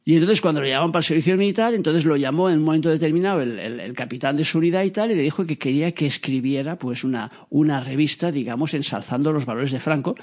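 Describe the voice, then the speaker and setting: Guy from telling a story about his dad, talks super fast, slightly high voice, does little voices. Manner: lively, acts out quoted voices, frequent restarts.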